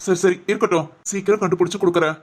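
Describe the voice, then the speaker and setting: A woman voicing a caring young policeman who gently comforts a crying friend in an audio drama. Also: lowish voice, steady tone, very fast, close to an everyday voice. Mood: comforting. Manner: gentle and reassuring.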